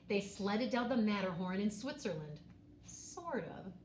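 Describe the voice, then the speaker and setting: A woman reads a children's picture book aloud at medium pitch, expressive and dramatic, pausing and stressing key words. There's a roomy echo and faint background noise.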